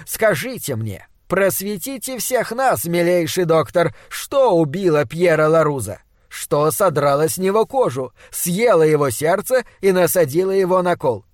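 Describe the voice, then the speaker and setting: A man's voice: high-pitched, big pitch swings, a little slow, hardly any pauses, no echo, clean studio sound. A man voicing an old Austrian scientist who cross-examines in a sarcastic, theatrical way. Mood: indignant.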